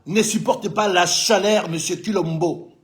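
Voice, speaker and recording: Man from Congo, high voice, fiery, scolding, political rant. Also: fairly even intonation, measured pace. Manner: fiery, scolding, repeatedly addressing the president directly. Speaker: business owner living in France. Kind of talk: heated political commentary.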